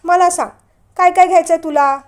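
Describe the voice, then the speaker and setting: A woman's voice: very high-pitched, fairly even intonation, fairly quick, pitched above the performer's own voice. Brief: woman doing a mischievous younger brother, mock-hurt and teasing, storybook reading.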